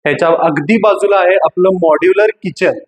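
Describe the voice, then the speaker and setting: A man's voice: high-pitched, a little fast, husky, no echo, rough recording. A man guiding a property walkthrough room by room, as a real estate agent. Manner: guiding, pointing things out room by room.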